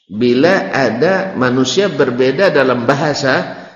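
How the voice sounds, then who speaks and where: A male preacher with a Malay accent leads a sermon-style study lecture, animated, with teasing asides and sudden high leaps on key words. His voice rings through a large echoey hall with a long tail. The recording sounds dull and muffled. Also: measured pace. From Malay region of Indonesia. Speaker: preacher teaching a classical text.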